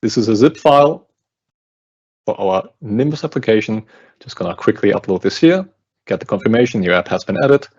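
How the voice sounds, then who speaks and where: A man with a German accent, a customer success engineer, explaining a software installation step by step on a webinar call. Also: on the low side, expressive, brisk, husky, lo-fi sound. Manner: explains step by step while working. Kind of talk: live technical walkthrough. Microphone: video call.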